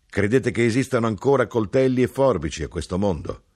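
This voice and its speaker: A shouting, mocking young knife grinder. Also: male voice, lowish voice, lively intonation, fairly quick, pitched above the performer's own voice. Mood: mocking shouts. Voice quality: slightly raspy. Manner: loud shouting, sneering.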